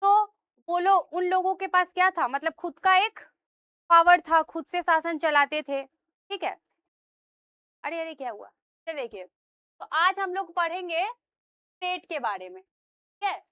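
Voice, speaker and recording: A woman's voice: very high-pitched, animated, unhurried, long pauses, bright, forceful tone, no echo. A woman teacher giving a classroom lecture, explaining step by step, asking the students questions and often checking in with them. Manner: asks students questions and answers them herself.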